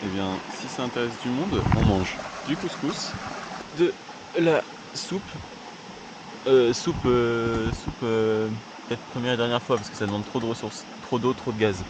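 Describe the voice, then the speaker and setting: A man's voice: medium pitch, unhurried. A young man hosting a casual hiking vlog, joking and chatting to the camera outdoors on a mountain trail. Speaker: hiking vlogger. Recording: outdoor camera audio, stream noise behind.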